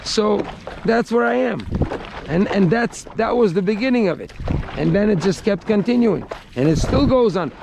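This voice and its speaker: Gravelly, high-pitched man ranting outdoors. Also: animated, moderate pace, noisy background. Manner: agitated, profane, mocking others' voices. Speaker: vlogger. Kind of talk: unscripted rant to camera. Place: outdoor beach club.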